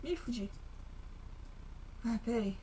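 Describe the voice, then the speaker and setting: A woman's voice: fairly high pitch, lively intonation, slow pace, dark tone, a little hiss or hum. A woman giving nervous let's-play commentary on a horror game, shrieking when startled. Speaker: gaming video host. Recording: game music behind the voice.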